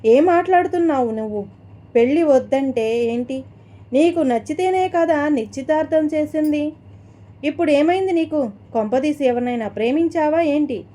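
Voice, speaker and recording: A woman's voice: high-pitched, a little slow. A woman voicing an angry, proud middle-aged mother who scolds her daughter in a spoken story. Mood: angry scolding. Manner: scolding, shouting.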